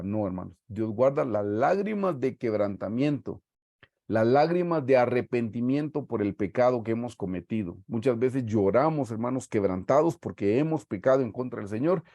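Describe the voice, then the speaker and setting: Guatemalan Spanish man, mellow low-key tone, dry close sound, preaching a Bible study, slow scripture readings. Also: no room sound. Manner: reads verses slowly, often addresses listeners as brothers. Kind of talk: sermon-style Bible study. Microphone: video call.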